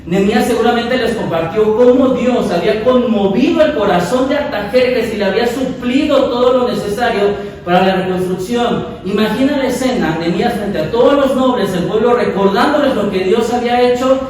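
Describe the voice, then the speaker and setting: A man's voice: extremely high pitch, fairly quick, few pauses, a little mellow, very echoey, far from the mic, low-quality recording. A male pastor preaching a sermon, emphatic and repeating key phrases for the congregation. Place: large church hall.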